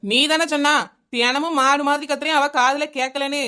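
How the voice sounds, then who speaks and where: A woman's voice: high voice, steady tone, a little fast, bright, forceful tone. Woman playing a sassy stubborn neighbour. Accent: Kanyakumari Tamil. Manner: sassy backtalk, mocking.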